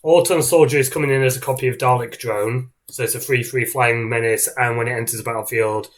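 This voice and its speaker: A man's voice: mid-range voice, steady tone, fairly quick. Man, voice cutting in and out. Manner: explains plays step by step with many fillers. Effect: voice cutting in and out on an online call. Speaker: card game player. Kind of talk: casual game chat over a video call. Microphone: online call microphone.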